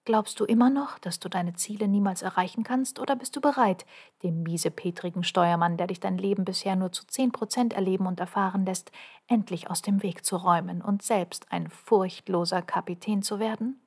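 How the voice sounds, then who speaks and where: Husky, gravelly woman narrating intimately. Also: mid-range voice, moderate pace. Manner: earnest, intimate, often half-whispered; urgent rhetorical questions addressed to the listener. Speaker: narrator reading her own text. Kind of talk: first-person motivational narration.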